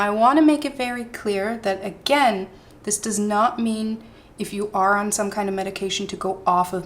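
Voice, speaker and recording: A woman's voice: medium pitch, slight background noise. A woman giving a pick-a-card tarot reading in a loose, digressive monologue, often checking in with the listener. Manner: digressive, checks in with "right?" and "okay?". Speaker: tarot reader.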